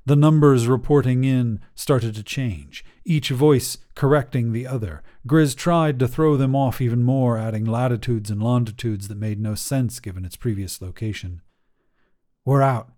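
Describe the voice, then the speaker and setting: A man hosting a story podcast, reading a short story in a calm, measured voice. His tone is dark and mellow, at a middling pitch for a man. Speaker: story podcast host and narrator. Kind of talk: scripted narration.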